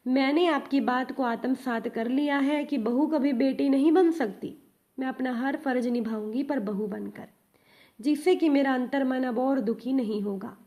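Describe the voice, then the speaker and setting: A young daughter-in-law speaks calmly and resolutely, voiced by a woman storyteller. Her tone stays gentle and fairly high. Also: moderate pace, close to an everyday voice. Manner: gentle, calm.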